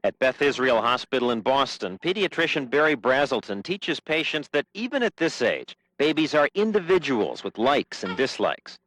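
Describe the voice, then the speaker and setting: A man narrating a TV news report in a measured, explanatory way. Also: medium pitch, sing-song, fairly bright tone, no echo, low-quality recording.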